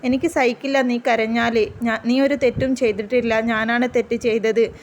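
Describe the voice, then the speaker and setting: A gentle young man in love, a soft-spoken professor, reassures in a calm, tender way, as read by a woman storyteller. The voice stays high and light throughout, with no attempt to deepen it. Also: normal speed, muffled recording, slight background noise, lightly acted.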